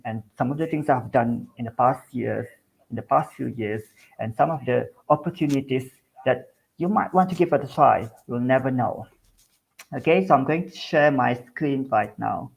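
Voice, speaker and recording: A man from Sabah, Malaysia, who teaches English, gives a friendly online webinar presentation over a video call. His mid-range voice is gravelly with a breathy edge, and he presents plainly with small restarts. The audio quality is poor.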